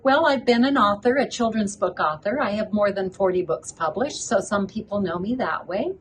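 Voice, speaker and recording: A woman's voice: medium pitch, moderate pace, slight background noise, rough recording. An older woman who grew up in Ethiopia, a children's book author, speaking earnestly as an interview guest at a conference. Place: conference venue.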